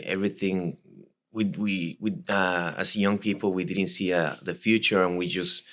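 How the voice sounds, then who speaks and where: Deep-voiced Costa Rican man, halting English. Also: fairly bright tone. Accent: Costa Rican Spanish. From Costa Rica. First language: Spanish. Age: 30s. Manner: halting, many restarts and fillers, searching for English words. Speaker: guest. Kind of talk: telling his life story in an interview.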